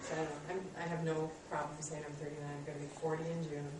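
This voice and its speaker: Low-voiced and rapid-fire with little pitch movement, a college instructor in her late thirties delivers a classroom lecture. Her style is friendly and self-deprecating, full of ums, and the distant, echoey classroom recording has a noisy background.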